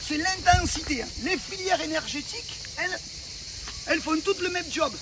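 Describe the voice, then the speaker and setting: A man's voice: extremely high pitch, moderate pace, distant mic, background noise. A man coaching trainees, explaining energy systems and checking that they follow. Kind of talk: explaining sports physiology to trainees.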